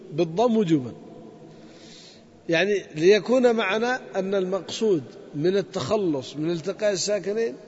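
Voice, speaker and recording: A man with a high-sitting, darkish voice teaches a grammar lesson, methodically repeating points and quizzing his class. The sound is dull and lo-fi, in a reverberant hall.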